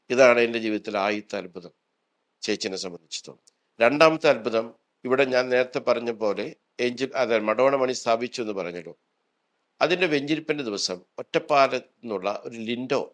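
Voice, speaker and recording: A priest, a man, earnestly tells a personal testimony and retells what people said to him. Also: medium pitch. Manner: earnest storytelling, retelling dialogue.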